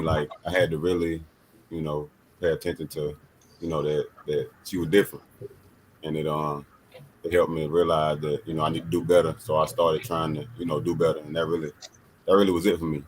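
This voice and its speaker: A man guest talking in a halting, hesitant way. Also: very deep voice, flat delivery, a little hiss or hum, low-quality recording.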